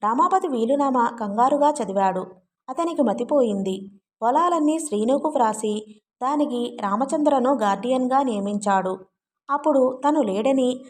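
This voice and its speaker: A woman narrating a family novel as an audiobook in a steady, even storytelling manner. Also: high-pitched. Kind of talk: scripted narration.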